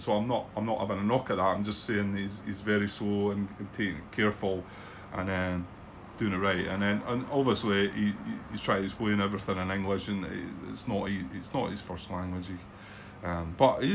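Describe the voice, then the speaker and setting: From his home desk, a middle-aged Scottish man runs casual commentary on a solo board wargame for his channel, rambling hesitantly with many ums and restarts. His voice is lowish and a little fast, with few pauses and slight background noise.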